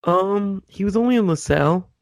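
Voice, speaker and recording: Gravelly man teasing his co-host. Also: high voice, normal speed, no room sound. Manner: dry teasing, mock insults. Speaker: podcast co-host. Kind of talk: casual chat.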